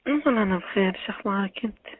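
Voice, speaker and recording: A woman's voice: mid-range voice, very fast, breathy edge, no echo. A woman calling on the phone, flirtatious and coaxing in casual chat. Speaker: caller. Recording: tinny phone line.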